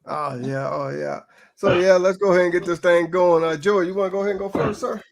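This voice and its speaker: A man co-hosting a casual podcast chat in a laid-back, quiet way. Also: high voice, steady tone, fairly quick, creaky. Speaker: podcast co-host.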